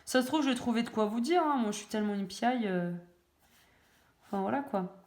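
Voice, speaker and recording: A woman's voice: a little high, fairly quick, darkish tone. A young woman chatting casually while she colors, full of hesitations and self-mocking jokes. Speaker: coloring video creator. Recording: echoey room.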